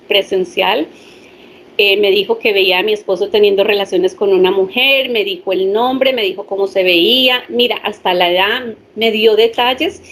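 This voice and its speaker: A woman's voice: medium pitch, a little hiss or hum. A woman, a hypnotherapist earnestly sharing her personal story with a small group.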